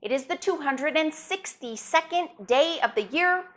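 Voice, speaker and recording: A woman opens her daily show in a high, sing-song voice. She speaks slowly, with a bright, sharp tone that swoops widely. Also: animated. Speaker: host. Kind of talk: cheerful show opening.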